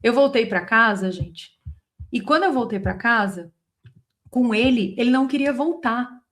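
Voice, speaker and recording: A woman with a Brazilian Portuguese accent, a spiritual teacher and channel host, telling a personal story straight to her viewers in an animated, emotionally involved way. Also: fairly high pitch, moderate pace. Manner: animated, keeps calling the audience "gente".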